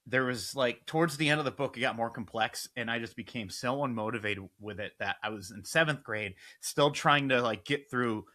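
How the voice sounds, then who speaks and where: A man with a bright, forceful voice talks as a guest on a remote interview. He tells long stories casually, tripping over restarts and fillers as he goes. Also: medium pitch, normal speed, few pauses. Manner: lively, rambling, many fillers and restarts. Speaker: guest filmmaker and musician.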